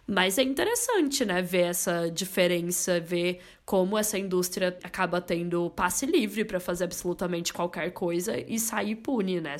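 A young woman co-hosting a podcast, speaking emphatically and often adding tag questions. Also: fairly low pitch. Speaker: podcast co-host. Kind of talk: casual podcast discussion.

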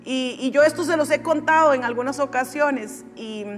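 A woman preacher giving a lively sermon to her congregation, slipping into quick voices of churchgoers as examples. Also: sits high. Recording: long hall reverb with faint music.

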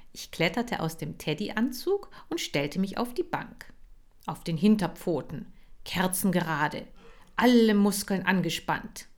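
A woman hosting a podcast, reading her own children's book aloud in an expressive storytelling style. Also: lowish voice.

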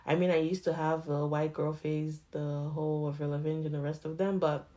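Low-pitched and warm, her voice shows little pitch movement at a normal speed. She's a woman in her late twenties with a Nigerian accent drifting toward Canadian, rambling candidly on her solo podcast with laughter and swearing.

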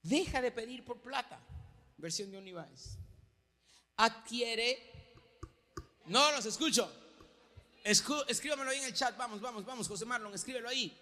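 A male pastor preaching a sermon, emphatic and calling out to the congregation, swinging between loud exclamations and hushed lines. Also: very high voice, normal speed, long pauses. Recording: long hall reverb.

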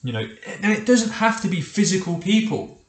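A man's voice: high voice, very animated, moderate pace. A middle-aged man hosting a casual solo podcast, talking conversationally and putting questions straight to the listener, recorded in a home kitchen. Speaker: podcast host. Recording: echoey, roomy kitchen sound.

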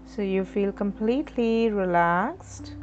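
A woman leading a guided chakra meditation in a slow, soothing, instructive way. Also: medium pitch. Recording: dull lo-fi recording with soft music.

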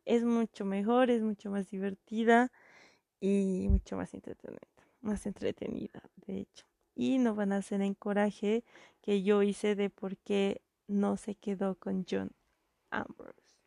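A woman with a Mexican accent, giving an animated, indignant casual monologue as a podcast host, with lots of fillers. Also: medium pitch, a little slow, gravelly, no echo, studio quality. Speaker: podcast host reviewing a film.

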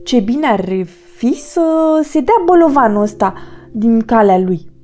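A woman narrating a children's storybook in an expressive, lively way. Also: a little high. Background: soft music.

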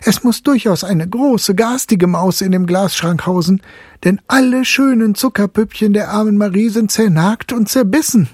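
A man's voice: sits high, normal speed, breathy edge, no room sound, clean studio sound, pitched above the performer's own voice. A man voicing a fretful, well-to-do middle-aged mother who exclaims indignantly.

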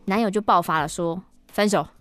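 A woman podcast co-host with a Taiwanese Mandarin accent reads a listener's letter aloud, animatedly acting out the quoted lines. Her voice is fairly low-pitched and her pace brisk.

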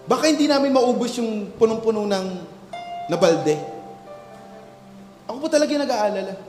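A pastor mixes English into his Tagalog as he preaches, recounting a childhood story before building into emphatic preaching. His voice sits high and is animated and a little mellow, at normal speed, recorded in an echoey hall with faint music.

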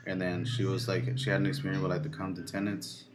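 A man hosting a podcast in casual chat, relaxed and saying "like" often. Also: low voice, quick pace, a loud crowd. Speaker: podcast host. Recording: music playing behind.

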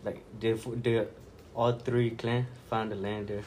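A man's voice: lowish voice, flat delivery, measured pace, darkish tone, slight background noise. A young man talking casually in a group discussion, loose in his storytelling.

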